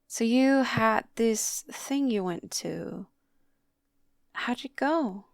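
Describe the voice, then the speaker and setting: A woman hosting a let's play, reading the game's lines aloud with slow, reflective delivery and wry asides. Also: fairly high pitch, lively intonation, creaky, dry recording, clean studio sound. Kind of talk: reading game text aloud.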